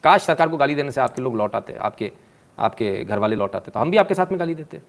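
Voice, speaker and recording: A man's voice: mid-range voice, expressive, fast talker. A man, giving sarcastic live news commentary, mocking and scolding the people in the clips and answering viewer comments.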